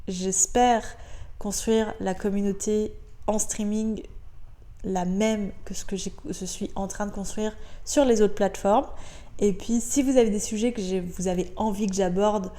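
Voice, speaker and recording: On a podcast microphone, a Belgian host with a French accent talks through a casual solo episode, cheerful and chatty, with frequent filler sounds and repeated words. Her warm, medium-pitched voice is unhurried, with fairly even intonation.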